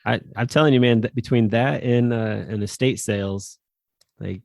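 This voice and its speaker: A man's voice: medium pitch, steady tone, normal speed, creaky, a little mellow, no room sound, clean studio sound. A man co-hosting a casual podcast, telling rambling stories with lots of fillers and restarts. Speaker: podcast co-host. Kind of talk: casual chat.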